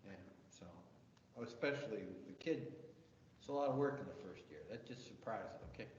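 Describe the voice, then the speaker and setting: A man's voice: lowish voice, lively intonation, fairly quick, darkish tone. A man on a review committee, asking blunt, skeptical questions in a meeting, heard with a big hall echo. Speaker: committee member. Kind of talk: meeting discussion. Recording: big echoey hall, dull sound, faint hiss.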